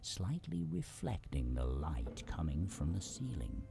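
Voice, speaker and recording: A man with a very deep, gravelly voice reading storybook narration for a video game. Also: huge pitch swings, a little slow, background noise.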